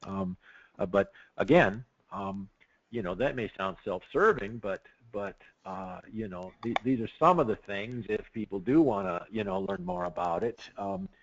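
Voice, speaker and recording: A man working as a risk management consultant, talking animatedly and excitedly in an interview, often restarting his sentences. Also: fairly low pitch, normal speed, muffled recording. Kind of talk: podcast interview.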